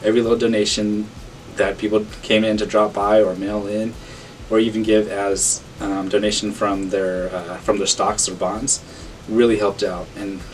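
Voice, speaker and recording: A man from Sacramento, a board member, speaking to camera in an earnest, conversational way from a small office. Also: on the low side. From Sacramento, California. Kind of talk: casual reflection to camera. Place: small office room with banner. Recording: distant mic with faint room hum.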